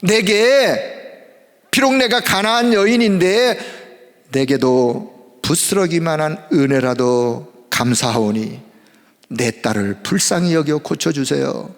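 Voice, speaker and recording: A man's voice: on the high side, slow, in a large hall. A preacher voicing a desperate, beseeching mother. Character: desperate, humble Canaanite mother.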